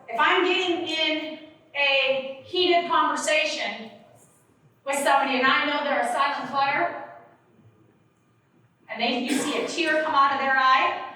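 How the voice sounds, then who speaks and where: A middle-aged woman giving an animated conference workshop, questioning the audience and acting out quoted voices. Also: sits high. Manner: animated, acts out quoted voices, asks the room. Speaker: workshop presenter. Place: conference hall. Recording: echoey hall from far off.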